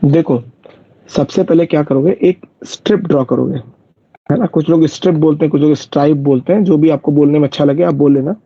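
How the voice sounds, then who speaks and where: A male math teacher, his voice gravelly and husky. He talks students through each step and keeps checking that they follow, heard on a dry, dull lo-fi recording. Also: fairly high pitch, fairly quick, dark tone, no room sound. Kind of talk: live online math class.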